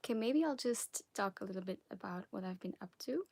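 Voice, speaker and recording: Softly whispering Flemish woman. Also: mid-range voice, expressive, fairly quick, creaky, slightly rough, no room sound. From Belgium (Flanders). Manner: soft, partly whispered chat, nervous and giggly. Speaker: ASMR creator. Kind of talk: live stream Q&A. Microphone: phone on a wobbly stand.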